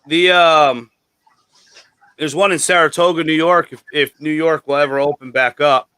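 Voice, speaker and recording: A man's voice: on the high side, steady tone, moderate pace, bright, forceful tone, smooth. A man hosting a livestream in casual, conversational talk. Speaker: livestream host, reptile expo vendor.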